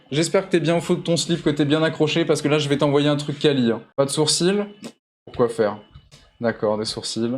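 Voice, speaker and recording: A young man hosting a charity livestream from his home, chatting playfully and teasing while he draws, sometimes bursting into high shouts. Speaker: charity stream host. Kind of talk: casual livestream chat while drawing. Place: home room.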